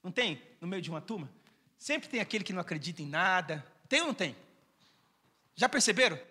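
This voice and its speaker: A male pastor preaches a sermon in a church hall, calling out questions to the congregation and to viewers at home. His high voice is sing-song, a touch fast, and sharp in tone. The recording has the reverb of the church hall.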